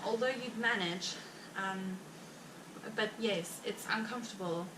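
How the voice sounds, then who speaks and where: A heavily pregnant vlogger with a South African Afrikaans accent chats casually with her viewers, rambling along with lots of fillers and quick little laughs. Her mid-range voice comes from far off the mic in a spacious room, with constant noise humming underneath.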